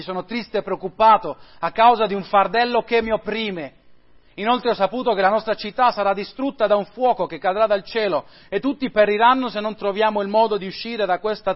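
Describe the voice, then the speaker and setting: Fearful pilgrim bowed under his burden, pleading and crying out in a high voice, read by a man; lo-fi recording. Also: moderate pace, lightly acted. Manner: pleading, rising cries. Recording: dull lo-fi sound.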